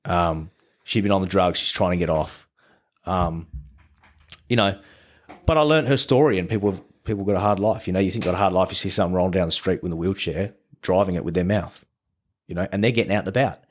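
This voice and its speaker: Low-voiced Australian man telling stories. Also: fairly quick. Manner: swears freely, animated retelling of conversations. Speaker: podcast guest. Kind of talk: casual storytelling.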